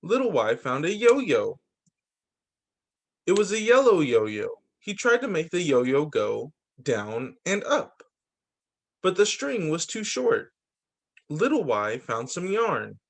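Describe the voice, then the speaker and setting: A man with a slightly high voice and some vocal fry reads storytime books to young children. He goes very slowly and deliberately, his melody lively and swooping. His sing-song phrasing is like a teacher guiding little listeners through every line.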